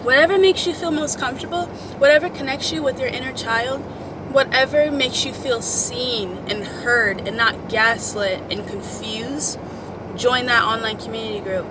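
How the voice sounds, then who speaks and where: Higher-voiced young woman, casual emphatic advice. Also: noisy background. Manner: chatty, emphatic girl-talk with swearing and pet names. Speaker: vlogger giving advice to followers. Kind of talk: casual motivational chat to the audience.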